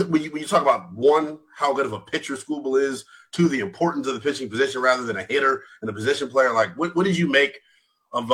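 A man's voice: mid-range voice, a bit bright, slightly rough, low-quality recording. A man in his twenties hosting a late-night sports radio show, asking long rambling questions that he corrects as he goes. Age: 20s.

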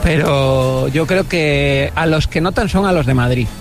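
A man's voice: on the high side, measured pace, soft background music. A man from Spain chatting on a radio show in a joking, teasing manner. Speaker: radio contributor. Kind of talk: casual radio chat.

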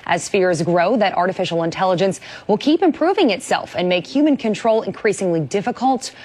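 A woman reporting a tech story as a radio news correspondent in a steady, measured voice. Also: medium pitch.

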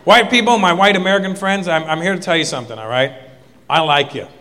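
A man's voice: sits high, fast talker. A man doing a stand-up routine on a comedy club stage, brash and teasing, working the crowd through a handheld mic. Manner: brash, teasing, bursts into loud cackling laughter. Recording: reverberant club with audience noise.

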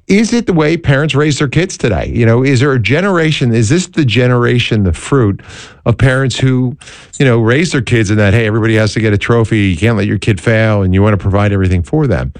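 A middle-aged man hosting a live call-in radio show with a smooth radio host delivery, welcoming callers and guests. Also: mid-range voice, animated, fast, no echo.

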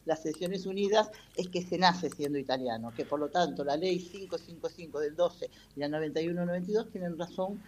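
A woman's voice: fairly low pitch, a little fast, few pauses, a little mellow. A woman explaining a legal matter in an interview, hesitating often with fillers. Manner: explanatory, many hesitations with "este". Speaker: patronato representative. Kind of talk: radio-style interview answers.

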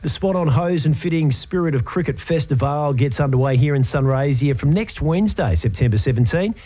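A man's voice: a little high, animated, a little fast, mellow. A man with an Australian accent hosting a community radio interview, reading intros in an upbeat presenter manner. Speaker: radio host.

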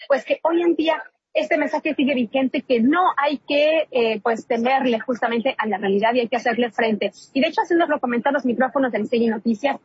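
A woman's voice: fairly high pitch, husky, no echo, lo-fi sound. A woman correspondent giving a live news report over a remote call line that sounds like a laptop speaker, chatty and full of fillers. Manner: chatty, many fillers and restarts.

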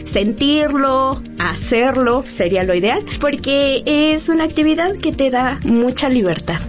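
A woman's voice: high voice, unhurried, lo-fi sound, faint music behind. Thoughtful woman in her thirties. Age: 30s. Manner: thoughtful, uses fillers like este. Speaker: ballet dancer guest. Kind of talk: radio interview.

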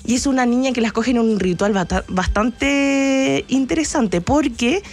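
A woman's voice: high voice, moderate pace, a little mellow. A Chilean woman, a guest on a radio show, talking with enthusiasm about travel and laughing easily. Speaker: travel agency press chief, guest.

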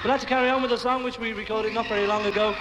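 A man's voice: high-pitched, steady tone, very fast. A man from a band greets a concert crowd in an archival 1960s live recording from a large hall. He talks in polite, cheerful stage banter. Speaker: band member speaking from the stage. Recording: noisy old concert recording, reverberant hall, distant mic.

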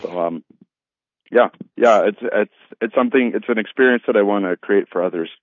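Over a thin, narrow phone connection, a man who organises a festival speaks as an interview guest. He has a lowish voice and a slightly fast pace, and he comes across as earnest and courteous in a conversational style. The recording itself is dry.

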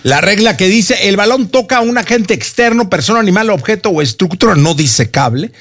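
A man's voice: sits high, animated, brisk, fairly bright tone. A man with a Mexican accent co-hosting a radio sports show, joking and blunt. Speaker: radio co-host. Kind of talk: casual studio sports chat.

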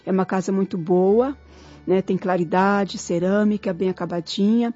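A woman's voice: mid-range voice, fairly even intonation, moderate pace, dark tone. A woman giving an earnest, grateful church testimony, repeating her thanks, in a dull lo-fi recording with faint music.

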